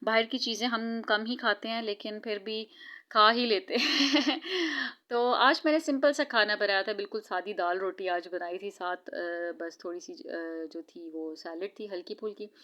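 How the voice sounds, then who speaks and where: A woman's voice: medium pitch, normal speed, hardly any pauses, a bit bright. A woman in her thirties narrating her family's evening routine in a casual vlog, opening with devout greetings and talking chattily with frequent hesitations. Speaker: vlogger.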